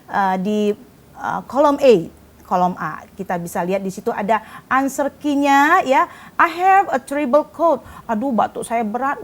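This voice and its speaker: High-voiced woman teaching a class. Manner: explains in Indonesian, switching often into English; addresses students directly, patient teacherly tone. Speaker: vocational school English teacher. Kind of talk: televised online class lesson.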